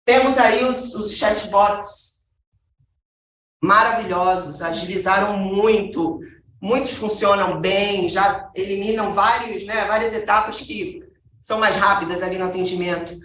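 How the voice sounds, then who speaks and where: A woman with a Brazilian Portuguese accent gives a conversational talk on accessibility, posing rhetorical questions to the audience. Her mid-range voice has a fairly bright tone and sounds distant in an echoey room.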